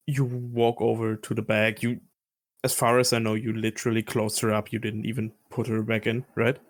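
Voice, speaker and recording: A man's voice: fairly low pitch, flat delivery, normal speed. A man narrating a tabletop game as game master, loose and profane. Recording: music bed underneath.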